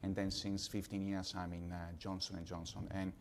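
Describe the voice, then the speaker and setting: A man's voice: sits low, level tone, a little hiss or hum. Italian-accented man on a panel. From Italy. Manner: measured, explains with figures, slightly halting English. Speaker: panelist, pharma executive. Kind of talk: conference panel talk.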